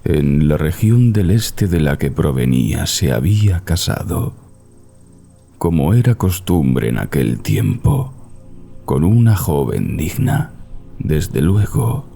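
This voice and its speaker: Very deep, slow male horror narrator. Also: sing-song, vocal fry, mellow. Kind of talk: scripted horror story narration. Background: background music.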